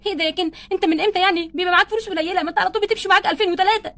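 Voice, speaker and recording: A woman's voice: very high voice, very fast, bright, forceful tone, full character voice. A woman with an Egyptian accent voicing a carefree, demanding wife doll in a play. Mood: breezy. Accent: Egyptian Arabic.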